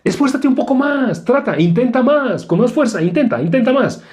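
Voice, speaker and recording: A shrill, preachy Pharisee man , as a preacher puts him on, repeating his push to try harder again and again. The voice sits far above his normal pitch and keeps a mellow tone. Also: lively intonation, moderate pace. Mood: nagging. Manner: insistent, repeating himself.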